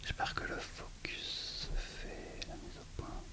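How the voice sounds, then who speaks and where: A person whispering a book presentation for ASMR, speaking in a hesitant, self-deprecating way into a close mic. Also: takes it slowly. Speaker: ASMR video creator.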